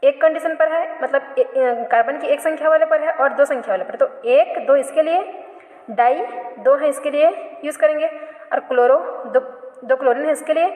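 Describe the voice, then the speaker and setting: A woman's voice: sits high, normal speed, darkish tone. A woman chemistry teacher giving a classroom lecture, asking questions and answering them herself, often repeating and correcting herself. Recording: echoey room, long reverb.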